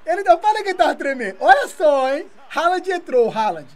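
A Brazilian woman streaming a football video game, commenting live in an excitable, taunting way and swearing often. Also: high-pitched, fast. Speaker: gaming streamer.

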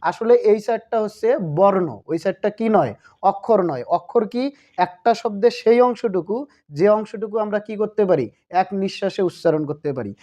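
A man's voice: high-pitched, animated, normal speed, dark tone. A man from Bangladesh teaching a grammar lesson, who keeps asking questions and answering them himself. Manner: asks questions and answers them himself, repeats key points. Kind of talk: recorded video lesson. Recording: dull lo-fi recording.

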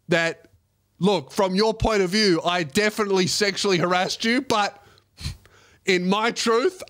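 A young man, a comedian host, telling a profane, self-mocking comedy story with animated delivery. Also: sits high.

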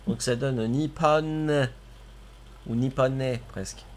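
Bright-voiced man commenting on his game. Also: medium pitch, lively intonation, measured pace. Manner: chatty, exclaims at the action, laughs often. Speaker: streamer playing a video game with his cousin. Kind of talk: casual gaming commentary.

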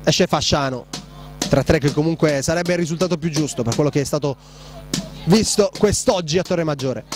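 A high-voiced man calls a futsal match live as its commentator. His delivery is breathless and excitable, ready to climb into shouting when a goal comes. Faint music sits behind his voice. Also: a little fast.

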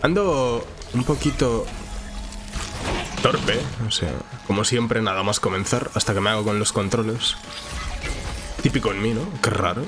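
Lowish and a little slow with long pauses, this man's voice sounds nasal and congested from a cold that has left him with a sore throat. He hosts a gaming channel, chatting informally and thinking aloud through Let's Play commentary as game music plays.

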